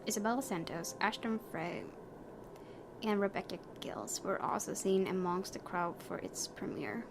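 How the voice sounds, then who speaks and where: In this noisy home recording, a woman with a medium-pitched voice speaks at a normal speed. She's narrating a visual novel for a let's play, occasionally tripping over words and dropping in offhand remarks.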